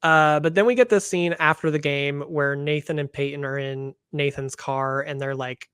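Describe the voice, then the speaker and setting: A man co-hosting a podcast in casual chat, talking fast with lots of fillers and quoting others in little acted voices. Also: a little high, steady tone, a bit bright, smooth, no echo, clean studio sound. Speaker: podcast co-host.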